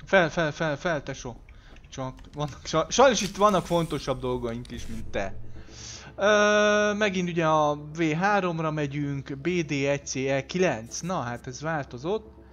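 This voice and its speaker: This streamer's voice is on the high side, expressive and fairly bright as he offers relaxed let's play commentary on his playthrough. He talks to viewers, thinks out loud and swears whenever he messes up.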